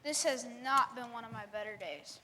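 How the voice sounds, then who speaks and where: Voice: medium pitch, lively intonation, moderate pace, in a large hall, noisy background, close to an everyday voice. A performer voicing a poor blind male beggar in a cartoon, pleading and downcast.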